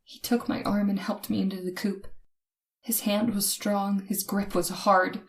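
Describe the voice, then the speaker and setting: With a mid-range voice, flat delivery and measured pace, a woman portrays a terrified young motorist narrating her ordeal in an old-time radio horror drama. The mood is tense and ominous, marked by dramatic breathy gasps and fearful stammering, on a noisy recording full of ambient effects.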